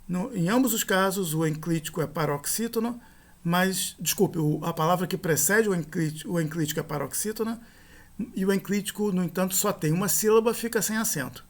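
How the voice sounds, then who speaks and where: Guy teaching grammar, kinda high voice, methodical, slows way down on the examples. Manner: methodical, repeats terms, slow deliberate word examples. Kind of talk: grammar lecture.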